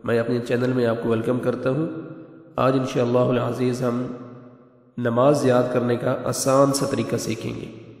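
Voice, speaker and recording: Male teacher, mid-pitched. Fast plain talk, long slow chanted lines, echoey room. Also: level tone, darkish tone. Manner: quick explanations between slow chanted recitations. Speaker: religious teacher. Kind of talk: prayer recitation lesson.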